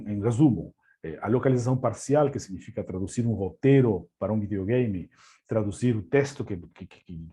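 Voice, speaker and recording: A man from Argentina, whose first language is Spanish, gives a webinar presentation in an Argentine accent. His lowish, warm voice is marked by frequent hesitation, lots of fillers and repeated words.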